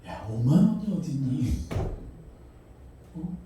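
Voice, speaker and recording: A man voicing a kind, fatherly God who gently reassures, in an echoey hall. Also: mid-range voice, big pitch swings, slow pace, slight background noise. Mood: reassuring. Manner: gentle, soothing. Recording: echoey hall, mic far off.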